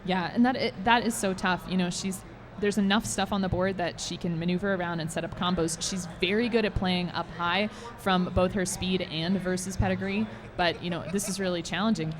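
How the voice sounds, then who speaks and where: A woman's voice: fairly low pitch, fairly even intonation, a little fast, crowd noise. A woman commentating a live game match at a gaming expo, giving upbeat play-by-play. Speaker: esports commentator.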